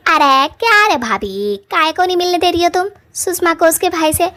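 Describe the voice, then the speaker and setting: A woman voicing a quarrelsome young witch woman in a cartoon, loud, rough and scolding. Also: extremely high pitch, very animated, moderate pace, pitched above the performer's own voice, heavily acted.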